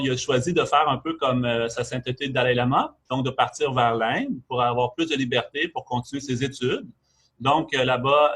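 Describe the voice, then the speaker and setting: A man with a Québécois French accent, introducing a guest speaker at a conference in an unhurried, halting way. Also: medium pitch, a bit bright. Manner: unhurried, halting, stringing clauses with "donc". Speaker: event host introducing a speaker.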